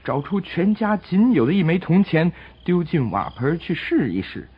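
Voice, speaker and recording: A husky man's voice, on the high side and sing-song, tells a scripted children's story at normal speed, explaining things simply and with expression for young listeners. The recording is dull lo-fi with music underneath.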